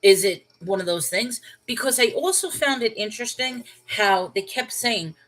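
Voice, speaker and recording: The recording is low quality, but her voice comes through a little high, expressive and a bit bright at a normal speed. A New York woman hosting her channel's livestream, she chats casually through a personal story, asking "okay?" and "all right?" and wondering aloud with rhetorical questions.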